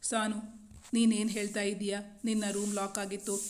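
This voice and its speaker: Gentle reassuring young man, put on by a woman narrator, level unvaried voice. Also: medium pitch, level tone, normal speed, a little hiss or hum, natural voice. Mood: soothing. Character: young man comforting his frightened beloved.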